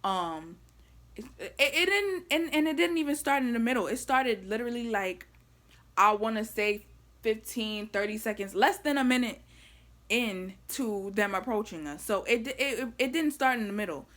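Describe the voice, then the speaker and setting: A young woman talks straight to camera in a loose storytime vlog. She restarts her sentences and repeats words as she goes, and her pitch jumps when she acts out what was said to her. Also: animated, moderate pace, fairly bright tone. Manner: rambling, repeats words, acts out quoted exchanges with rising pitch. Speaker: vlogger.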